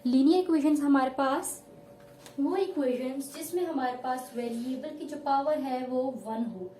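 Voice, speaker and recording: A woman's voice: high-pitched, a little slow, mellow, reverberant. A woman math teacher explaining a lesson step by step, patiently repeating each point and addressing her pupils.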